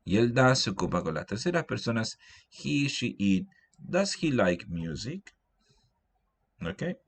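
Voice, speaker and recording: A man's voice: medium pitch, sing-song, slow pace, breathy edge. A man giving a grammar lesson, patiently repeating example sentences. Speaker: English teacher. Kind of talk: grammar lesson explained in Spanish.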